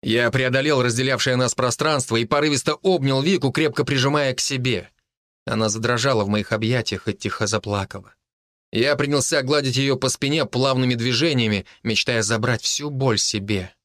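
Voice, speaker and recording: A man narrating a first-person audiobook in a steady, earnest storytelling manner. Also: medium pitch, moderate pace, dry recording, clean studio sound.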